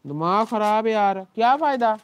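A man with a Pakistani Urdu accent, a game streamer talking to his live chat in an exasperated, complaining way, his throat dry from shouting. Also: high voice, animated, normal speed, clean tone. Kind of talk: live gaming stream talk.

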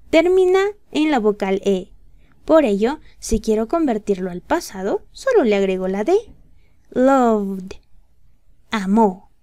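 Slow, patient woman teaching grammar. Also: high voice, a little mellow, no echo, clean studio sound. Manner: patient, step-by-step, checking questions. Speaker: English teacher. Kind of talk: explaining grammar to beginners.

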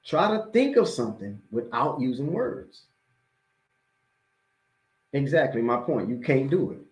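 An American imam in his forties delivers a motivational religious lecture to camera, speaking in a conversational yet emphatic way and repeating phrases to drive points home. His mid-range voice is sing-song, a little slow, and darkish in tone. The webcam audio sounds roomy and echoey, captured in a small indoor room at home or in an office.

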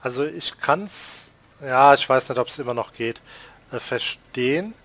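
A let's play host from the Palatinate in Germany chats casually in a Palatinate German accent while playing a farming game, laughing a lot and poking fun at himself. His voice is medium-pitched, unhurried, and a bit bright.

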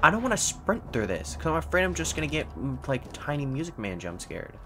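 Jumpy, animated young male horror game streamer. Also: fairly high pitch, brisk. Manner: sweary, sarcastic asides. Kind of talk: horror game playthrough commentary. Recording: faint-to-clear game noise behind voice. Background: horror game ambience.

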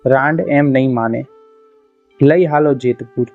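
A man voicing rough mounted men who bark accusations in a folk tale reading. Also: mid-range voice, unhurried, natural voice. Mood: harsh. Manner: harsh, accusing. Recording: slightly muffled, soft music behind.

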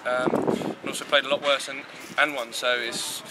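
A young male footballer giving a measured, plain-spoken post-match interview outdoors at a floodlit ground at night. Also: mid-range voice, little pitch movement. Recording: loud wind noise outdoors.

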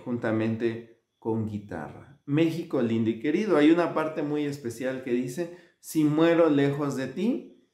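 A man telling a fable to children, animated and acting out the characters. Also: mid-range voice. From Mexico. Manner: animated, acts out characters with sudden shouts. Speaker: children's musician and storyteller. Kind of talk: children's storytelling. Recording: roomy echo.

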